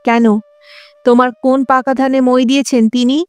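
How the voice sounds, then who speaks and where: A woman's voice: high voice, flat delivery, clear, resonant tone, no echo, faint music behind, close to an everyday voice. A woman voicing an indignant young wife and mother in an audiobook, bitter and reproachful. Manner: bitter, reproachful, quick retorts. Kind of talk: audiobook character voice.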